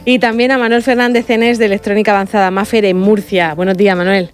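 A woman's voice: medium pitch, little pitch movement, fast talker. Woman radio host, friendly short questions, faint music under her. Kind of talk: radio interview. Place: radio studio.

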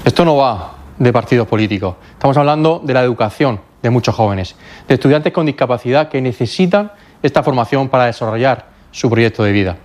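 A man's voice: medium pitch, expressive, a little fast, a little mellow. A man government delegate making a firm, demanding political statement.

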